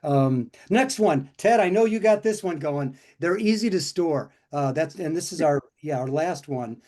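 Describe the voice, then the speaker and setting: A man's voice: on the high side, expressive, unhurried, mellow. An older man co-hosting a casual chat, telling stories in a rambling way with many restarts and fillers. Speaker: co-host.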